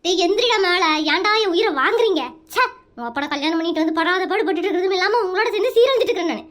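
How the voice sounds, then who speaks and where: Cartoon comedy: performer as a frazzled, nagging mother, very high and fast, all threats and scolding. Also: lively intonation, fairly bright tone. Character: scolding frazzled young mother, shrill temper. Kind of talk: Tamil cartoon comedy dub.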